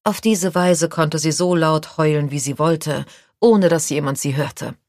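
A woman narrating an audiobook chapter in a calm, measured reading style. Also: low voice, no room sound, studio quality. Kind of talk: scripted narration.

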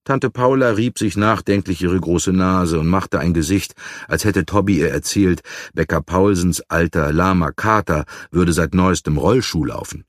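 A man in his sixties reading a children's story aloud, calm and gently amused. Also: low-pitched, measured pace, no room sound, studio quality. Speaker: narrator.

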